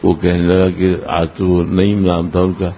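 A man slowly recounting memories of his spiritual master to a gathering, in an unhurried, halting way with restarts and small chuckles. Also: deep voice, monotone. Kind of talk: anecdotal storytelling to a gathering. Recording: dull lo-fi recording with faint hiss.

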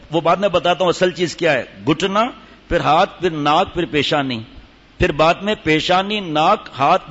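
This sermon comes from an older religious teacher with a fairly high, slightly bright voice. He tells stories and demonstrates recitation to a gathering, recorded with dull hall reverb.

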